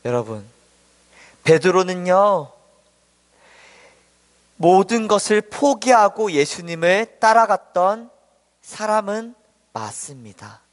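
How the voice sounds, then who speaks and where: High-voiced man telling a children's sermon. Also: very animated, slow, long pauses. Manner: gentle, asks the children questions. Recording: long hall reverb.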